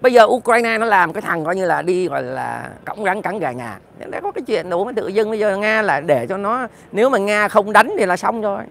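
A man's voice: high voice, creaky, a bit bright. A man ranting heatedly to his viewers in a profane, direct monologue. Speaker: political commentator.

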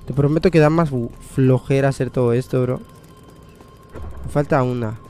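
A young man, commentating his own horror game playthrough in a casual way, swearing, thinking aloud and breaking into loud startled outbursts. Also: medium pitch, normal speed, soft background music. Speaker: gaming channel host.

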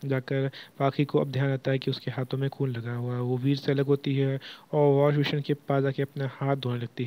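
Flat-voiced male story narrator. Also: medium pitch. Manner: plain reading with frequent self-corrections. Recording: dull lo-fi audio.

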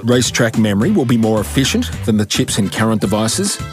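A man's voice: lowish voice, big pitch swings, brisk. Upbeat male documentary presenter. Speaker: science reporter. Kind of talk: scripted documentary narration. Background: music.

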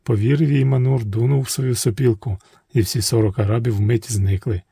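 A man narrating a folk tale in a measured, expressive way. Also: medium pitch, vocal fry, husky, dry recording. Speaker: storyteller. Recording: dry studio voice-over with faint music.

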